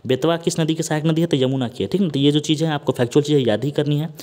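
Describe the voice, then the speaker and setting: A man's voice: fairly high pitch, rapid-fire, darkish tone. A man teaching an online exam-prep class in a chatty way, checking in with his students over and over and calling them by a pet name. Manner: chatty, keeps asking "ठीक ना?" and calls students "Babu".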